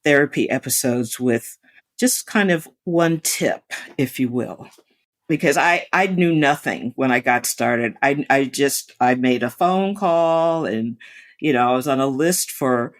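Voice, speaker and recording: A woman's voice: very deep voice, unhurried. A woman hosting her own podcast, telling a personal story about therapy in a candid way, breaking into sarcastic asides. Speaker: podcast host.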